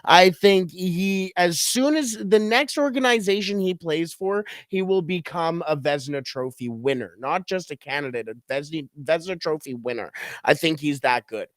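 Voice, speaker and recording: A man's voice: on the high side, normal speed, a bit bright, no room sound, clean studio sound. A man co-hosting a sports podcast in casual, emphatic chat. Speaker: podcast co-host.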